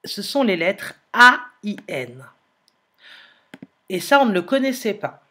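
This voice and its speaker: A woman teacher, slowly dictating a sentence and spelling out letters in a phonics lesson. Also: mid-range voice, sing-song, bright, forceful tone. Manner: slow, careful dictation, repeating and spelling letters aloud.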